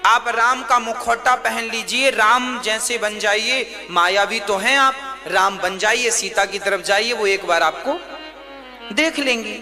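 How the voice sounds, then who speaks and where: Queen Mandodari, a devoted wife coaxing her husband in a slow, high voice, as a preacher acts her out. Devotional music plays underneath. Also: long reverb tail.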